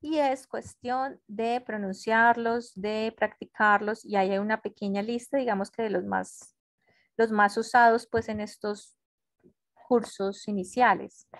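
Patient woman teaching slowly, dry sound. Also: medium pitch, fairly even intonation, no room sound. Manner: slow, patient explaining with frequent checks. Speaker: English teacher. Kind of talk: online class explanation. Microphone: computer mic on a video call.

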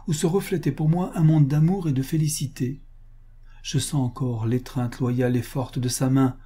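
A man's voice: mid-range voice, mellow, slightly rough. A man voicing a grief-stricken young woman in an audiobook, speaking in a trembling, pleading way. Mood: anguished. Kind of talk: audiobook character reading.

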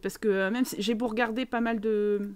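Young French woman, fairly high voice, rambling casual streamer chatter full of fillers. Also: steady tone, moderate pace, darkish tone. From France. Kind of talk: casual live game commentary with chat.

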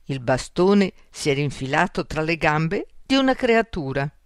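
A woman's voice: deep voice, sing-song, normal speed, no echo. A woman narrating a children's fairy tale audiobook in a careful storytelling manner, recorded close in a studio.

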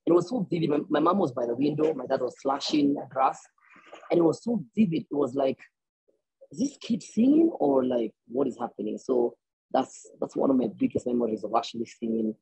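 A Kenyan man in his thirties, a guest musician, answers interview questions on a video call through earbuds from a small indoor room. His gravelly, husky voice sits on the high side with big pitch swings, and he talks briskly, rambling warmly with many restarts and fillers and easy laughs. The audio is dry, close and low in quality.

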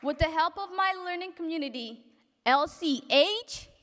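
A young woman from Africa reading a graduation speech at a podium in an event hall, earnest and halting at times. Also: extremely high pitch, animated, background noise. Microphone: podium microphone. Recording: reverberant hall.

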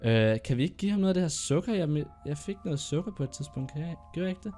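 A young man with a sore throat and an occasional cough, giving chatty, excitable gameplay commentary as he narrates his own moves. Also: a little high, soft background music. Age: young adult. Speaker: gaming YouTuber.

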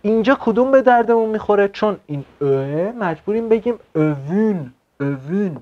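Man teaching slowly, dull lo-fi recording. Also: high-pitched, expressive. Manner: asks quick checking questions, repeats words slowly. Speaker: Turkish language teacher. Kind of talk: explanatory online lesson at a whiteboard. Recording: slightly dull lo-fi sound.

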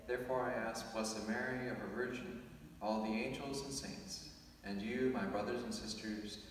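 Echoey priest praying at a church microphone. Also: male voice, lowish voice, steady tone, moderate pace. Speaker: priest celebrating Mass. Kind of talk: formal liturgical prayer. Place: indoor church sanctuary, at the altar. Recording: echoey church, far from the mic, faint noise.

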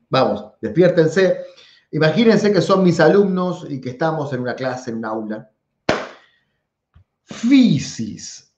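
Here the same kind of online philosophy lesson comes from a man whose voice sits fairly high, recorded with a roomy, muffled sound. His Rioplatense Spanish is lively, with drawn-out emphatic stresses and constant "¿sí?" and "¿tá?" check-ins.

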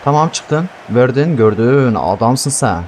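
A man commentating his own football video game match, excitable and swearing at teammates. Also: mid-range voice, unhurried, a little hiss or hum. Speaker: gaming YouTuber playing football career mode. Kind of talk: live gameplay commentary.

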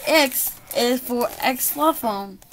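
Lady reading a picture book to a little kid, kinda high voice, takes her time. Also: takes it slowly, slight background noise. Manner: reading to a toddler, simple and expressive. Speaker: storybook reader.

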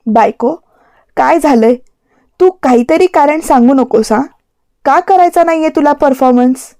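A pressing, hurt young husband in a spoken love story, his voice raised as he demands answers, read by a woman. The voice sits high yet mellow, recorded close and dry. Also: a little slow, no echo. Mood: upset, pressing. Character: young married man, insistent and hurt.

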